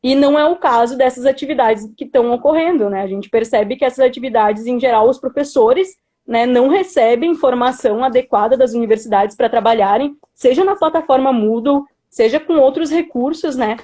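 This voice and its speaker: A young woman with a Brazilian accent speaks in a fairly high, mellow voice. She gives informal political commentary in an earnest way, pausing to search for words and often adding little tags that seek agreement. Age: young adult. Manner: earnest, hesitant, frequently seeking agreement with tag questions. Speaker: student activist.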